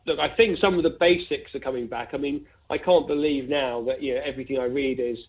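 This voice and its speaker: A fund manager being interviewed gives market commentary through a narrow, tinny phone-like connection. His middling pitch stays fairly flat, and he speaks fairly quickly. He talks discursively, reasoning aloud with asides and examples.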